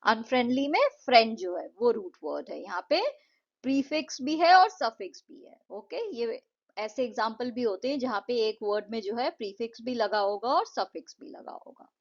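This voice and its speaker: Indian woman explaining a lesson slowly. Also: a little high, expressive. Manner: slow, deliberate English reading, quicker explanations. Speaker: English teacher. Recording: dull lo-fi recording.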